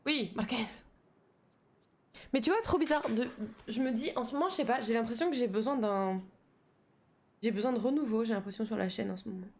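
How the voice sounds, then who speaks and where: A woman's voice: a little high, quick pace, a little mellow. Chatty young woman streamer. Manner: chatty, talks to chat with fillers and slang. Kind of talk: casual live-stream chat while gaming.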